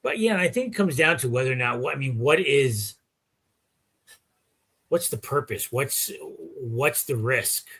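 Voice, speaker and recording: Husky male interview host. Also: medium pitch, expressive, fairly bright tone. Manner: thoughtful, halting with restarts. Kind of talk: casual interview chat.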